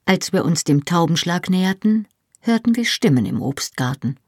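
An audiobook narrator reading a first-person historical novel calmly and evenly, close to the mic. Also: mid-range voice, normal speed, husky, dry recording.

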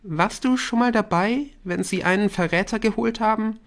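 A man's voice: high-pitched, moderate pace, voice pushed up. Bryn, a man putting on a clingy teenage girl. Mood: conspiratorial.

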